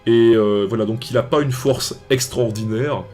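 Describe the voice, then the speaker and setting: A man's voice: mid-range voice, moderate pace, a little mellow, faint music behind. A young man hosting a let's play, casual and rambling, often stumbling and restarting as he talks over gameplay. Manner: rambling, hesitant, restarts and fillers. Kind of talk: casual game commentary.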